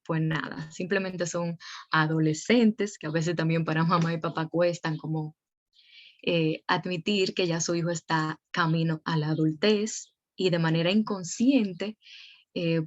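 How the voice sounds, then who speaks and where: Woman, twenties, educator; conversational, lots of "eh"; slightly low voice, muffled dry recording. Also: dry recording. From Dominican Republic. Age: 20s. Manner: conversational, frequent "eh" fillers, acts out parents and teens. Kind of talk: educational talk. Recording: dull lo-fi dry sound.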